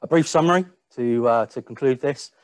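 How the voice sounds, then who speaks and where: A man presents a product in webinar style, a little halting and repeating the odd word. His voice is medium in pitch, with no echo.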